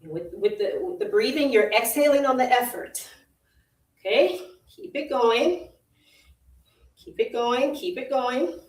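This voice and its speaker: This Jamaican-accented fitness instructor has a high-pitched yet darkish voice as she runs a live virtual workout. She keeps repeating short words of encouragement and laughs easily, and the sound is roomy, with her distant from the microphone.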